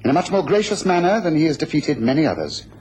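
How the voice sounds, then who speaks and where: An actor playing a shrewd, self-assured gentleman detective in a radio drama. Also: fairly high pitch, wildly swooping pitch, fast, background noise. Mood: satisfied.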